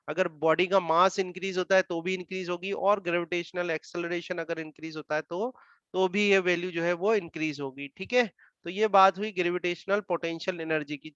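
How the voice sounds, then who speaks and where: A man with an Indian accent teaching physics, explaining slowly and repeating terms, dictating English definitions word by word. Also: high-pitched, fairly bright tone, smooth, dry recording. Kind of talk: classroom lecture. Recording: dull muffled dry sound.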